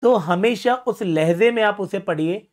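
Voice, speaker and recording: A man's voice: sits high, unhurried. A man teaching grammar for an exam, calling his students friends and asking questions he then answers himself, with self-mocking asides. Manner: self-deprecating joking asides. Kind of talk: exam-prep lesson.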